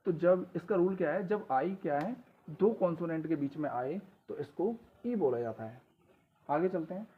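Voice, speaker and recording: A man teaching a lesson, explaining slowly and repeating rules with question prompts. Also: on the high side, expressive. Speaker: English teacher. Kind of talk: classroom-style lesson. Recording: tinny phone-like audio with faint noise.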